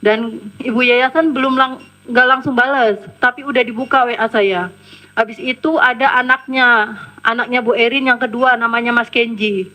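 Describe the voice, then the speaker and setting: A woman's voice: fairly high pitch, fairly even intonation, normal speed, pushed and bright, poor audio. A woman giving personal testimony, retelling events step by step and closing her quotes with the same tag. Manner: plain step-by-step storytelling, often tags quotes with "kata dia gitu". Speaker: interview guest recounting her case. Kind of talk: personal testimony retold in detail.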